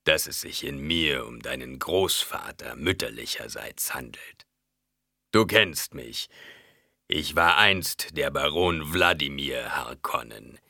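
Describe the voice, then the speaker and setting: A man doing a fat old scheming baron, deep, husky, wheedling down to a whisper. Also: lively intonation, pushed and bright, no echo, studio quality, heavily acted. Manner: low, oily, drawn-out, sinking to whispers.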